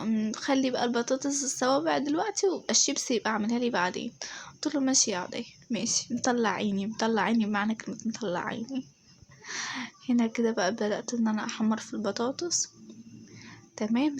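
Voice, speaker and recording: A woman's voice: a little high, a little mellow, a little hiss or hum. A woman with an Egyptian accent, chatting through a voice-over of her home routine with lots of fillers and check-ins with viewers. Her voice sounds a little off. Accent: Egyptian Arabic. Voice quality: slightly changed, a bit off. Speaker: home vlogger.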